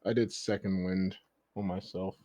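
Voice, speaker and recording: A man's voice: deep voice, flat delivery, moderate pace, warm tone. A man playing a tabletop game over voice chat, practical and a bit hesitant, trailing off mid-thought. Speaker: player. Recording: dull lo-fi voice chat audio.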